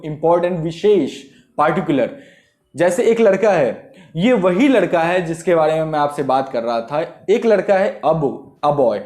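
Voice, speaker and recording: A young man teaching English grammar to students, lively and repetitive, often checking whether they understood. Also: a little high. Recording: echoey room.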